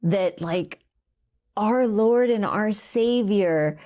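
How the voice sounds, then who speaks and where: A Canadian woman in her thirties appears as a guest giving an earnest testimony of faith, slowing down to stress the words that matter most to her. Her voice is mid-range with a dark tone.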